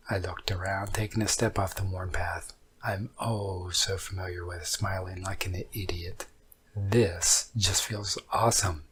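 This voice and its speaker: A man narrating a first-person scary story in a low, hushed, haunting voice that is husky and breathy, often slipping toward a whisper.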